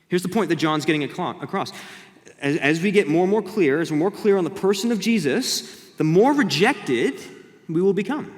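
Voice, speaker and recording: Canadian guy preaching, voice sits a bit high, long echo off the hall, chatty and then suddenly loud. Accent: Canadian English. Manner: conversational, acts out mocking voices with sudden loud jumps. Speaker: pastor. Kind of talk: sermon.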